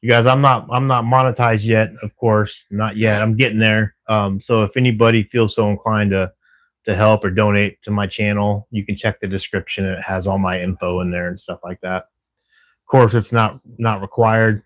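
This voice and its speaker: On his livestream during a camera security shift, a man from Texas, USA, reads out viewer comments and chats in a friendly, rambling manner with plenty of fillers. He talks at a normal speed in a lowish voice with a level tone.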